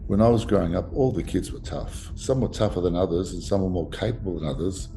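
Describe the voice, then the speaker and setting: Low-pitched, creaky and mellow, this sixty-something Australian from Melbourne speaks quickly and bluntly in a relaxed interview, wandering off track and restarting often. Slight background noise is audible.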